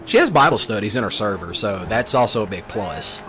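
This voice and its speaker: A folksy gaming channel host rambles casually in a teasing rant, mocking others in put-on quoted voices. His voice is fairly low, expressive, and a little fast. Music plays alongside clear background noise of car engines from a driving video game.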